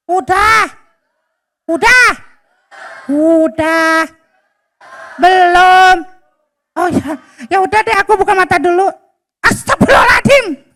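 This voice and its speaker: A man voicing an eager, pious young schoolboy in a children's story, calling out excitedly. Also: very high voice, pitched above the performer's own voice, heavily acted.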